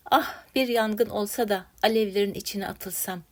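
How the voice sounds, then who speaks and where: A woman voicing a ruined, despairing middle-aged man who answers in quiet, broken replies. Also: mid-range voice, steady tone, moderate pace, natural voice.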